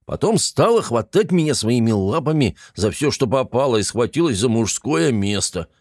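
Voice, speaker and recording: A man's voice: mid-range voice, no echo, clean studio sound, voice pushed up, natural voice. A man voicing a small, cheeky male shortling creature who grumbles and bleats when frightened. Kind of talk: audiobook character voice.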